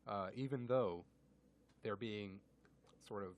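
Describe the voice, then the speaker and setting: A man's voice: fairly low pitch, slow, a little hiss or hum. A man co-hosting a casual radio show, explaining physics through everyday analogies and laughing often.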